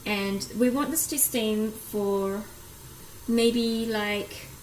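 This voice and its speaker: A woman's voice: medium pitch, fairly even intonation, very slow, darkish tone. A woman with a broad New Zealand accent chatting casually and informally as she hosts a cooking livestream and greets viewers. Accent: broad New Zealand (Kiwi). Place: indoor home kitchen. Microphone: phone, at a little distance. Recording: echoey room, clear kitchen noise. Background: sizzling pan, stirring, kitchen noise.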